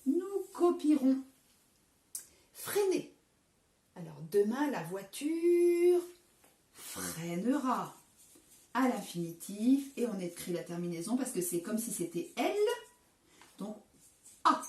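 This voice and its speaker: A primary school teacher with a French accent gives a recorded lesson to young children, patiently spelling out word endings letter by letter. Her mid-range voice swings widely in pitch, moving at a measured pace with frequent pauses. The camera sits some distance away, so the sound is roomy.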